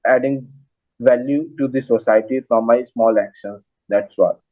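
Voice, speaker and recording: A man interviews a guest over a video call, speaking earnestly and restarting his sentences. His voice comes through narrow and phone-like, with a dry, close sound and an even middle pitch. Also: moderate pace, dry recording. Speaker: interviewer, host. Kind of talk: casual interview talk.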